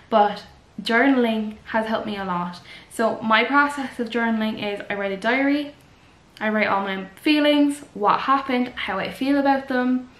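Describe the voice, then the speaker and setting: A young woman vlogger talks to the camera in a casual chat, offering earnest, rambling advice full of fillers. Her voice is on the high side with a fairly bright tone, and the room sounds echoey.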